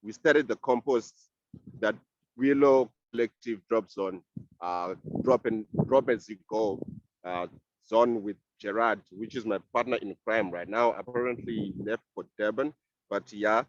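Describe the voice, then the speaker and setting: A man speaking by phone from outdoors about a community compost project, halting and often restarting his words. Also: fairly low pitch, no echo. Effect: heard over a phone call. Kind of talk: casual panel contribution. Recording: dull, dry phone audio.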